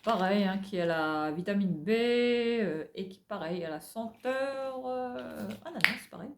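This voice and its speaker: A woman's voice: mid-range voice, expressive, a little slow, noisy background. A woman with a French accent chatting through a product haul, gushing over finds and tagging nearly every phrase with a filler. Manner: chatty, tags most phrases with "hein". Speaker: haul vlogger. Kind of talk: casual product haul chat.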